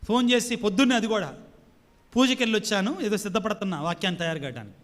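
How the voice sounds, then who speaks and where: Loud, emphatic preaching priest. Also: male voice, high voice, rapid-fire, long reverb tail. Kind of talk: sermon.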